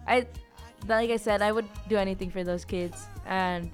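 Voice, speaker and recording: A woman's voice: mid-range voice, fairly even intonation, normal speed, soft background music. A young woman co-hosting a podcast, telling family stories in a casual chat full of fillers. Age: young adult. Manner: storytelling, filler-heavy.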